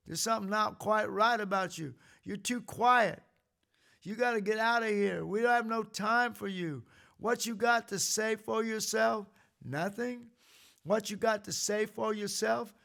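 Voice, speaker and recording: A man voicing a rude, impatient man who shoves a quiet person aside and scolds him. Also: high-pitched, unhurried, gravelly, voice pushed up, exaggerated voice. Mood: scolding. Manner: pushy and scolding.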